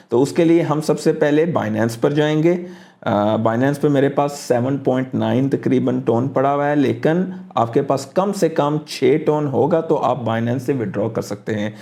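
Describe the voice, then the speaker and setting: A man's voice: mid-range voice, warm tone. A man hosting a casual screen-recorded tutorial, thinking aloud as he clicks through each step and dropping English phrases into his talk. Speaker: crypto tutorial host.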